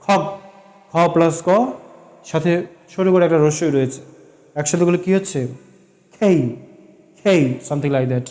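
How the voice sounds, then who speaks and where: A man with a Bengali accent teaching pronunciation, slowly spelling out and repeating sounds and mixing in English phrases. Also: a little high, mellow. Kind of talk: classroom-style lesson.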